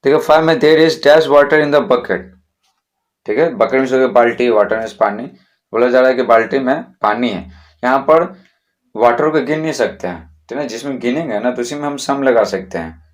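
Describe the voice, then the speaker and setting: A man, teaching English grammar to schoolchildren in a slow, repetitive way, often checking that students follow. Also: mid-range voice. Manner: slow, repetitive classroom explaining with frequent checks.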